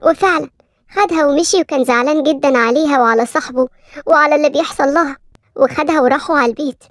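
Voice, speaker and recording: An Egyptian woman reads a cartoon story at a rapid clip, brisk and even. Her voice is high and the sound is close and dry. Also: no room sound. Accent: Egyptian Arabic. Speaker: narrator. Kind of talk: scripted story narration.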